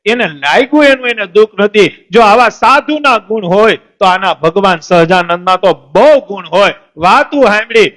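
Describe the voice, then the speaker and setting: A man's voice: sits high, a bit bright. A man, a lay preacher telling devotional stories in a temple assembly, asking his listeners questions and acting out the saints and devotees. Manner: asks the audience questions and answers them, voices saints and devotees in the stories. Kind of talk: storytelling sermon.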